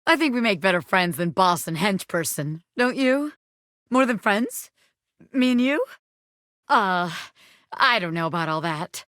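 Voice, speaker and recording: A woman's voice: mid-range voice, animated, a little slow, pauses often, a bit bright, no room sound, clean studio sound. A woman voicing a scrappy living hairpin in a video game, a brash wannabe crime boss with streetwise, slangy tough talk. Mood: awkward, dismissive. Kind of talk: video game character dialogue.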